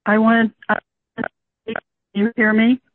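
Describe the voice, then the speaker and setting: An older caller speaks haltingly at a public meeting, stumbling over words and filling gaps with hesitations. The voice comes through a thin, tinny phone line with no room sound around it. The connection keeps breaking up, with clipping and a tapping noise cutting into the words. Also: medium pitch, little pitch movement, dry recording. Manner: hesitant, halting, many fillers. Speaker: community caller at a board meeting.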